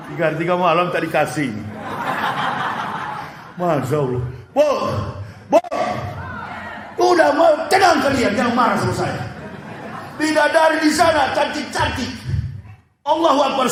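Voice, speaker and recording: A man preaching a sermon in a mosque, fiery and joking with the congregation, with sudden shouted bursts. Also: very high-pitched, a little hiss or hum. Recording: echoey mosque hall.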